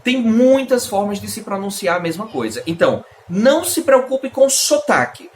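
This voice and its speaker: A man's voice: high voice, sing-song, moderate pace, slight background noise. A Brazilian man, an English teacher, explaining in a casual video lesson and answering his own questions. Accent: Brazilian Portuguese.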